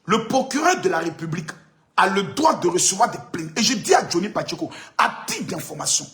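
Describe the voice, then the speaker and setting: Male live-stream ranter, high and animated, mocking sing-song delivery. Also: fairly quick. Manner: mocking, sing-song taunts and loud shouts. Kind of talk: taunting live-stream rant.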